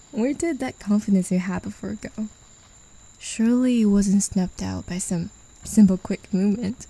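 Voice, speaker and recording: In a rough recording, a woman with a mellow, mid-range voice and a breathy edge plays a possessive female demon in an ASMR roleplay. The voice actor often whispers as she talks down to her human pet, teasing and condescending.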